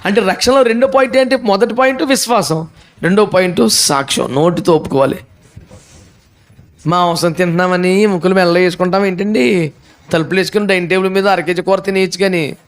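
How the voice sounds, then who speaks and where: A male pastor preaching a sermon with animated storytelling. He fires off mocking rhetorical questions and acts out the people in the story. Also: high voice, fairly quick. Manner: animated storytelling, acting out characters.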